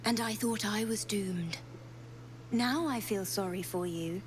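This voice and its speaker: A woman's voice: medium pitch, slow pace, natural voice. An actress playing a scornful young devilish woman in a fantasy game, with a sneering, haughty manner.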